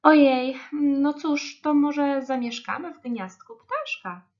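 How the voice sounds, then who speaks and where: A woman's voice: high-pitched, slow pace, highs cut off, voice pushed up. A woman voicing a greedy but well-meaning little rabbit in a storybook reading, eager and pleading.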